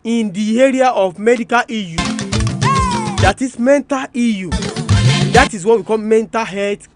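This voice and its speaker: Loud music plays under this male radio presenter, whose voice sits high and moves at a moderate pace. With a Nigerian Yoruba accent, he delivers an educational talk, going back and forth between two languages, repeating important terms and asking rhetorical questions.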